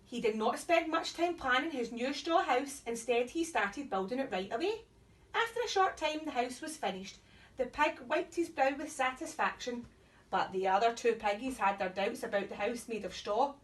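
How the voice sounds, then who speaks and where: A woman reading a children's story aloud in an animated, sing-song delivery for small children. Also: on the high side, moderate pace, recorded from a distance.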